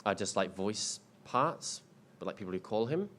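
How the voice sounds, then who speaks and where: Animated and fairly bright, the filmmaker's fairly low voice moves at a normal speed while he casually answers audience questions at an indoor screening panel. He's in his thirties and rambles, with many ums and restarts; slight background noise is audible.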